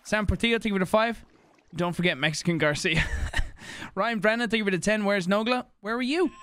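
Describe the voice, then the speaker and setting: A young man livestreaming from a small home room into a studio mic, reading out donor names and thanking them in a quick, loose patter. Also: high-pitched, fairly bright tone, clear, resonant tone, no room sound. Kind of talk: casual stream chat reading donations. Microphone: studio mic on boom, headphones on.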